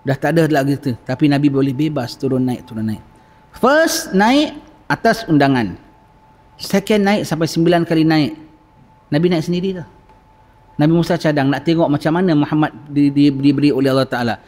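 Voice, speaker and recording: Seorang lelaki berloghat Malaysia menyampaikan kuliah agama di masjid, bercerita dengan bersemangat dan menghidupkan dialog. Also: male voice, on the high side, moderate pace. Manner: animated, acts out dialogues, frequent "ha?". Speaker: religious lecturer. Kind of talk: mosque sermon lecture. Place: mosque. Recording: long reverb of a mosque hall.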